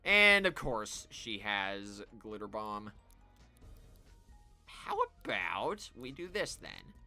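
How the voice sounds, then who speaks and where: A man giving live commentary while playing a video game, chatty and self-amused, reacting out loud as he plays. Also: fairly low pitch, very animated, takes it slowly, gravelly, soft background music. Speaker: game streamer.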